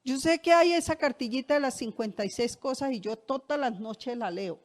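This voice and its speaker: A woman's voice: sits high, normal speed. A middle-aged woman pastor, preaching a sermon in a conversational way and asking the congregation rhetorical questions. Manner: conversational, shares personal anecdotes.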